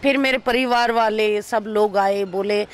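An actress being interviewed, telling an emotional personal story and acting out what others said. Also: female voice, medium pitch, steady tone, unhurried, a little hiss or hum. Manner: recounts events by acting out others' speech.

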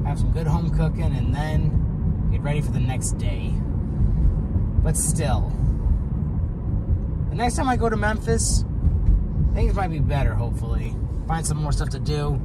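A young man from Michigan vlogging while driving, tired, rambling and often repeating and correcting his words. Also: fairly high pitch. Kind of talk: casual talk to camera while driving. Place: inside a car on town streets. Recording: distant mic, loud road noise.

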